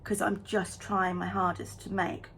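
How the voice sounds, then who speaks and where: A woman vlogging in a casual, chatty way, talking fast and getting excited about small things. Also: mid-range voice, a little hiss or hum. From United Kingdom. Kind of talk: casual vlog chat.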